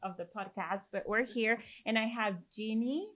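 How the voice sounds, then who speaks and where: A woman from Mexico with a Mexican Spanish accent hosts a podcast, telling stories in casual, chatty talk packed with fillers. Her voice is fairly high and a bit bright, at a moderate pace, though the audio sounds dull.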